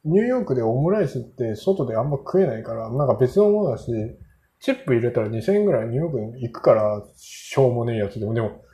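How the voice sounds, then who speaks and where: A man's voice: mid-range voice, expressive, fast talker, warm tone, slight background noise. A man casually telling rambling, self-mocking anecdotes in a solo monologue. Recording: roomy echo.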